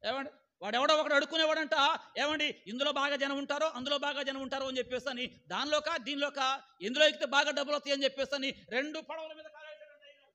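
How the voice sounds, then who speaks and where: Male pastor, high bright voice, sermon full of questions to the congregation. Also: fairly even intonation, fast talker. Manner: calls on the congregation to answer aloud; keeps asking "ఏమండి?".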